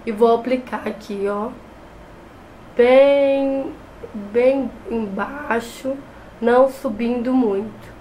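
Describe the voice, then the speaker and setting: In a slow, dark-toned voice of fairly high pitch, a young woman with a cold chats through a makeup tutorial, often restarting words. The audio is poor with a little hiss or hum. This beauty vlogger speaks close to the camera in front of her in a small bedroom with shelves and a clothes rack.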